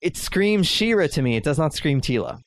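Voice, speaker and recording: A man's voice: a little high, big pitch swings, a little fast, dry recording. A man hosting a podcast in casual chat, talking with lots of fillers and frequent laughs. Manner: chatty, laughs often, many fillers. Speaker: podcast host.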